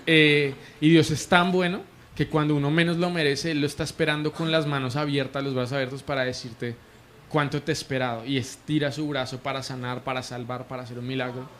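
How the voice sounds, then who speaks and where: A man's voice: medium pitch, level tone, a little fast, a bit bright, a little hiss or hum. A man from Colombia with a Colombian Spanish accent, a prophet and interview guest, telling his faith testimony in an earnest, emotional way, often restarting his sentences. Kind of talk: conversational testimony.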